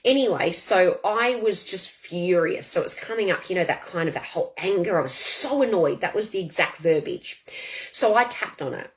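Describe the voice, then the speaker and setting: Low-voiced woman coaching, chatty. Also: lively intonation, moderate pace, rough recording. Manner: chatty, many fillers, repeated spoken affirmations. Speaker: self-help coach. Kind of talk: guided tapping demonstration.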